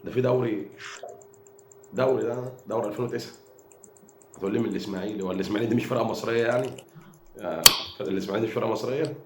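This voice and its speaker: A low-voiced man with an Egyptian accent rattles through a rapid, taunting football rant, repeating his lines for effect. His voice bounces around an echoey room, and clear background noise sits under it. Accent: Egyptian Arabic. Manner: taunting, mocking rival fans; rapid, repetitive, animated delivery. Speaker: football fan vlogger. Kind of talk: fan rant to camera.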